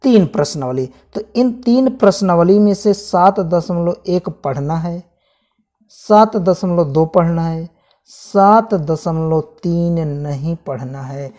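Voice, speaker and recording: A man's voice: on the high side, lively intonation, slow pace, warm tone. Man, teacher, casual syllabus walkthrough, repetitive listing, friendly address. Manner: repeats items, addresses viewers as friends.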